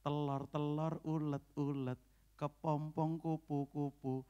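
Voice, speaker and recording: A middle-aged man, preaching a lively storytelling sermon in a church hall, often tagging his sentences with "saudara, ya" and acting out the people he quotes. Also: a little high, slow pace, clean tone, muffled recording. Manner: animated storytelling, many "saudara, ya" asides, acts out quoted dialogue. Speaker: pastor.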